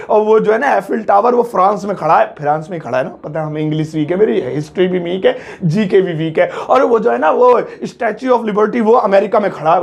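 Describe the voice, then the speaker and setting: Indian male English tutor, high gravelly voice, playful classroom patter, slow careful example sentences. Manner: jokey, chatty, slows down to spell out English sentences. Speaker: English teacher. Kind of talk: spoken English lesson in Hindi.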